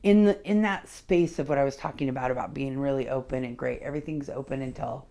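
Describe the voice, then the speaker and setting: A woman working as a handwriting analyst, giving a casual, frank personality reading in a chatty, animated way and laughing often. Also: a bass voice, fast talker, gravelly. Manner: animated, acts out his inner voice.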